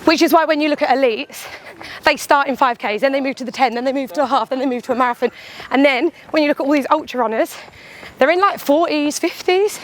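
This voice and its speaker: A woman with a high voice chats to the camera while running outdoors. Her delivery is candid and animated, a casual vlog monologue that slips into little imagined quotes. Faint traffic and ambient noise sit behind her. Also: fast. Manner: talking while out on a run. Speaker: runner and vlogger.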